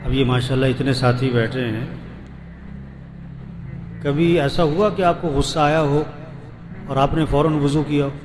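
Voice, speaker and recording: A man's voice: medium pitch, steady tone, long pauses, music in the background. A man preaching a sermon to a seated gathering with a Pakistani Urdu accent, repeating questions for his listeners to answer. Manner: rhetorical questions, call-and-response repetition.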